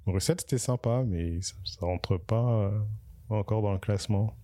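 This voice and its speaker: A man's voice: on the low side, normal speed, dark tone, no room sound. Playful male podcast host, dry sound. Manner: playful, joking, hesitant with fillers. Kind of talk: casual interview chat.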